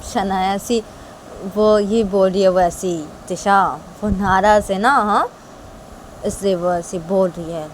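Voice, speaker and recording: A woman's voice: medium pitch, steady tone, slow, slight background noise, lightly acted, poor audio. A woman voicing a middle-aged mother who patiently reassures her daughter. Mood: reassuring.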